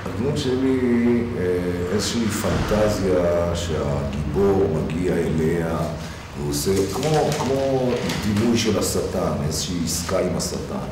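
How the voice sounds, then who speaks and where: A man, an actor, chatting briskly and offhand on set. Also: low voice, noisy background. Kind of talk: casual on-set chat. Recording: very echoey room, far from mic.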